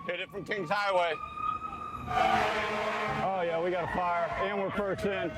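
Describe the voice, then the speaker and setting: A man's voice: sits high, huge pitch swings, unhurried. A male firefighter giving urgent, clipped radio reports from a noisy emergency scene.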